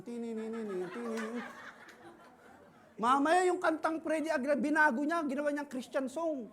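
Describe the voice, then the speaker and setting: High-pitched Filipino male pastor, animated sermon storyteller. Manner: animated preaching, acts out dialogue, laughs often.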